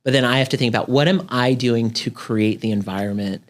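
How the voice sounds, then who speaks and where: A male therapist in a relaxed interview, speaking at an ordinary middle pitch. He talks in loose, chatty runs, checking in with "right?" and leaning on "like" as he explains. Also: brisk. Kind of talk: casual conversational interview.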